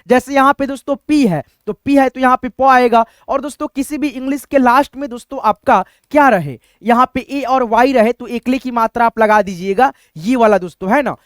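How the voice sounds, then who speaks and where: A man's voice: very high-pitched, smooth, no echo, clean studio sound. A male teacher giving a step-by-step English pronunciation lesson, with a repetitive, patient way of explaining. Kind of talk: Hindi-language English lesson.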